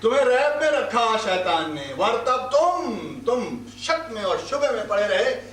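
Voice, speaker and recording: A man's voice: very high voice, big pitch swings, a bit bright. A man with a Pakistani Urdu accent teaching Quran commentary, reciting verses and then explaining them with scolding rhetorical questions. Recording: echoey hall, distant mic, faint hiss.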